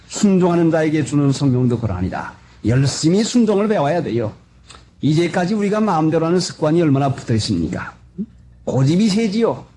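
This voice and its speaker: A man's voice: high voice, darkish tone, breathy edge. Older man preaching, old tape. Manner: preaching with rhetorical questions and acted quotes. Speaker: pastor. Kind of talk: revival sermon. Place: church sanctuary. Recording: old noise-reduced tape recording.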